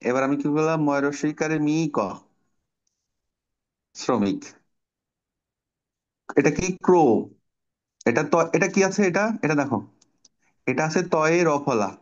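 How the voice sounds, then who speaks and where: A man's voice: on the high side, measured pace, long pauses, dull audio. A man teaching an online children's class, patiently explaining pronunciation step by step and asking the pupils questions. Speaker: Bangla teacher.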